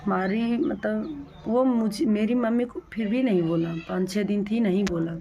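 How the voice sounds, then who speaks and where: A woman's voice: mid-range voice, steady tone, normal speed, lo-fi sound, background noise. A young adult woman talks straight to her viewers in a casual vlog. She retells events plainly, repeating herself and restarting her sentences often. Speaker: vlogger.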